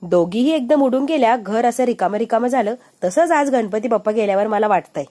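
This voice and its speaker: A woman's voice: on the high side, expressive, brisk, mellow. A woman voicing a middle-aged mother speaking wistfully. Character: middle-aged mother missing her daughters.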